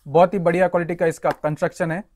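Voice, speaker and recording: A young tool reviewer walks viewers through a power tool piece by piece, chatting like they're his friends in a hands-on product demo. His slightly high voice holds an even pitch, and he talks very fast. The recording is close and dry, with no room echo.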